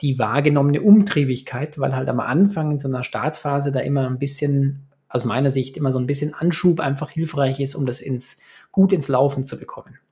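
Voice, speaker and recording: A man's voice: mid-range voice, fairly quick, warm tone. A man in his forties from Munich answering as a podcast guest in casual talk, hesitant and repeating words as he searches for phrasing. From Munich, Germany. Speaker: podcast guest, business consultant and coach.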